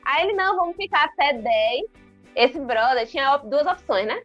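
Animated Brazilian woman telling a story. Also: moderate pace, muffled recording, faint music behind. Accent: Brazilian Portuguese. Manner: animated, acts out quotes with big pitch jumps. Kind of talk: casual chat, animated storytelling.

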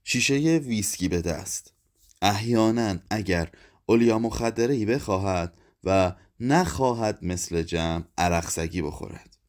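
A man narrating a literary short story in a measured, even reading voice. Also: fairly low pitch. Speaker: audiobook narrator. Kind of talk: scripted narration.

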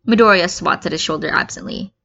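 Speaking quickly in a lowish, creaky voice that sounds pushed and bright, a woman gives an expressive amateur reading of fan fiction. The recording has a slightly muffled, lo-fi quality.

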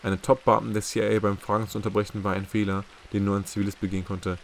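A man narrating a novel chapter as a hobby audiobook, with steady, measured storytelling. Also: fairly low pitch, creaky, a little hiss or hum. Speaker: audiobook reader.

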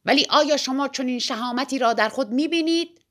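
A woman's voice: on the high side, expressive, a bit bright, pitched above the performer's own voice. A woman doing a tiny, showy joker of a man. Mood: boastful. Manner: theatrical, mock-solemn. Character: tiny jesting male engineer, showy and playful.

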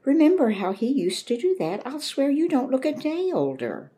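A woman reading a warm, firm pioneer mother. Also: on the low side, sing-song, moderate pace.

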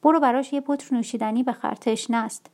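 A woman's voice: a little high, fairly even intonation, darkish tone, lightly acted. A woman voicing a curt man playing a stern lord. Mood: commanding.

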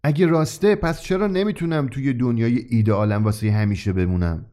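A man's voice: on the high side, animated, a little mellow, pitched above the performer's own voice, natural voice. A man voicing a cautious, shy young customer who talks politely and hesitantly in a read-aloud story. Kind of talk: audiobook character reading.

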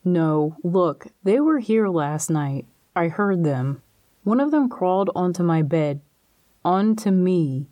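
A woman's voice: fairly low pitch, expressive, slow, dark tone, no room sound. A woman voicing a jittery adult man who insists on what he heard, in a storybook reading. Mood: rattled.

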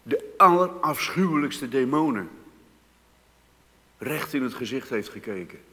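Dutch-speaking preacher in a reverberant hall. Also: male voice, mid-range voice, lively intonation, unhurried. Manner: dramatic swings between hushed and loud emphasis. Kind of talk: sermon. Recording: long reverb of a church hall.

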